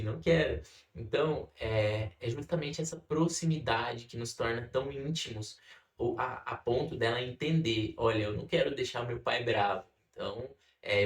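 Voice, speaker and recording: A young Brazilian man giving a casual devotional talk from his home office, chatty and full of fillers. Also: medium pitch. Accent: Brazilian Portuguese. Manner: conversational, many fillers, acts out his daughter's words. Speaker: devotional speaker. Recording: roomy echo, distant mic.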